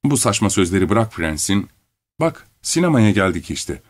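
A man's voice: fairly low pitch, very animated, normal speed. A man reading the lines of a stubborn, proud young woman in a storybook, in a firm and dismissive manner.

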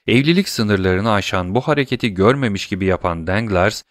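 Sesli kitap anlatıcısı, pes sesli erkek, kuru kayıt. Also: male voice, fairly low pitch, animated, brisk, dry recording, clean studio sound. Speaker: audiobook narrator. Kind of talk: scripted literary narration.

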